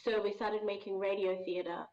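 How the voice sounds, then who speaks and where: A Ghanaian voice actor, appearing as a guest on a casual podcast interview, is friendly and thoughtful and quick to laugh. Her medium-pitched voice is fairly fast, flat in delivery and darkish in tone, and the lo-fi audio sounds dull.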